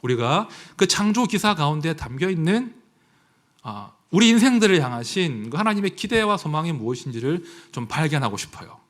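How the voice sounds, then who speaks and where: A man delivers a Sunday sermon with a fairly high, lively voice whose pitch swoops widely. He talks to the congregation like a conversation, dropping to near whispers and then rising to outcries. When he reads scripture his voice grows louder and more formal. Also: brisk. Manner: emotional, swings from hushed asides to raised outcries; conversational, asks the congregation for agreement. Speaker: pastor.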